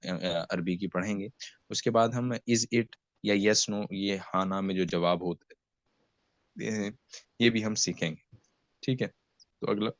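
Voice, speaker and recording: A man teaching beginners Arabic in an online class, speaking with an Indian accent and patiently having students repeat words after him while fasting with a headache. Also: on the low side, dry recording. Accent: Indian Hindi-Urdu. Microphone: video call. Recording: dull lo-fi video call audio.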